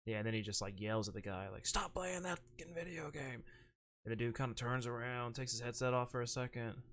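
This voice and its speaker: A man's voice: mid-range voice, little pitch movement, fast. A man co-hosting a podcast, chatting casually about a film and rambling through scene retellings with lots of fillers. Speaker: podcast co-host. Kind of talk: casual chat about movies.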